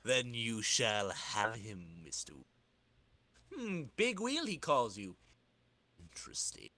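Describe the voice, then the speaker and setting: A man's voice: medium pitch, huge pitch swings, slow, bright, forceful tone, voice pushed down, heavily acted. A man voicing a sly old villain inventor in a comic-book reading, theatrical and drawn out. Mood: sly, pleased.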